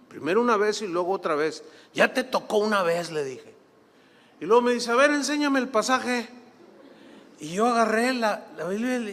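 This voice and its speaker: A man preaching a sermon, telling a story with lively acted-out voices. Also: high-pitched. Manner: animated, acts out quoted voices, laughs while telling. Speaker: pastor. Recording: long hall reverb.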